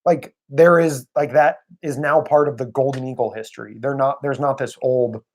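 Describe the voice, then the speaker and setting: A man's voice: mid-range voice, steady tone, normal speed. A man co-hosting a live stream, chatting casually about baseball and often hedging his points. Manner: musing, hedging, says "I don't know" often.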